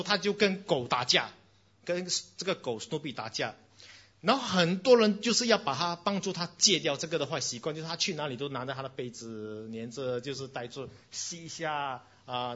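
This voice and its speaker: Man, pastor preaching a sermon, husky voice, slightly high pitch, lo-fi recording. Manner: animated storytelling, mixing in bits of English. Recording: dull, lo-fi recording.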